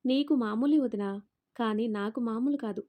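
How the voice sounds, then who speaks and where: A defiant young daughter-in-law, as a woman storyteller puts her on, firm and confrontational with a raised voice. The pitch sits fairly high, the tone mellow. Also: normal speed, close to an everyday voice.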